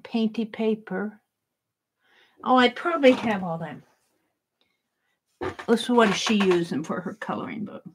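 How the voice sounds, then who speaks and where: A woman thinks aloud about what to draw next while working in her art journal at an indoor home craft table. Her voice is loud, mid-range and slightly rough, at a measured pace with many pauses, and the audio is poor.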